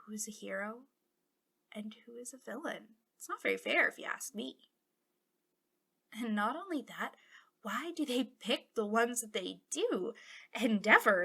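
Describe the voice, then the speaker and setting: This woman plays a female villain in an ASMR roleplay, a former hero who is bitter and taunting, using a breathy voice that keeps falling to whispers and a conspiratorial, mocking drawl. Pitched a little high, her pushed, bright, heavily acted delivery carries a bitter, aggrieved mood.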